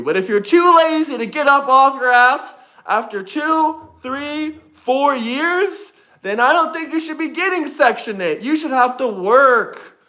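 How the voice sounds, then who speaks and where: A man's voice: extremely high pitch, bright, forceful tone. A young man hosting a livestream, chatting casually and brashly to his viewers, repeating himself often. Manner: brash, repetitive, talks straight to chat. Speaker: livestream host.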